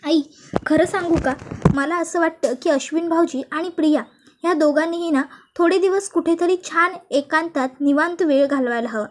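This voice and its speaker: A woman's voice: very high-pitched, normal speed. A woman voicing a young daughter-in-law who pleads and persuades. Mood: pleading.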